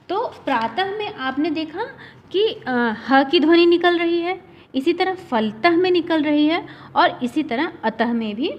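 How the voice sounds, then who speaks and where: A woman teacher giving an online class lesson, explaining slowly and patiently and often checking that the class has followed. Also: extremely high pitch. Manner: slow, explaining patiently with repeated "theek hai". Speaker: school teacher. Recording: dull lo-fi sound with faint noise.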